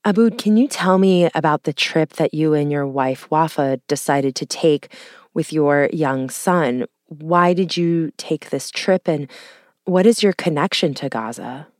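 A woman hosting a news podcast, narrating a script and interviewing a guest in a measured, even way. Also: low-pitched, no room sound, studio quality. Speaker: podcast host.

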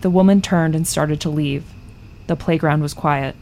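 A woman narrating a true story in a measured, scripted delivery. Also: low voice, vocal fry, darkish tone, slight background noise.

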